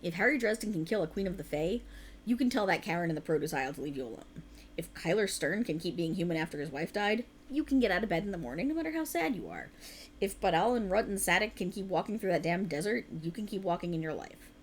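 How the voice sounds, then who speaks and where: In an intimate ASMR girlfriend roleplay, a girl plays a sleepy, passionate young writer who teases her partner, rambling fast in a natural voice with very expressive pitch. She sounds earnest and explanatory, playfully defensive, with a bit of background noise.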